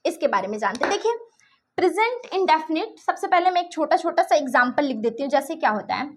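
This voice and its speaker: A woman teacher with a high voice, big pitch swings, and a quick pace explains a grammar lesson and speaks examples aloud. She repeats herself often and keeps checking that her students are following along.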